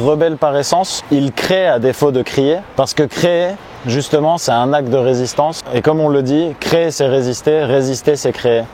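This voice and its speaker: Man, 30s, mid-pitched, earnest founder pitch with hesitant fillers, over background music. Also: darkish tone. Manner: earnest and reflective, frequent hesitant "euh" fillers. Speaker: founder pitching his project. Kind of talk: promotional personal narration. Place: outdoors on city rooftops. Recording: music playing under the voice.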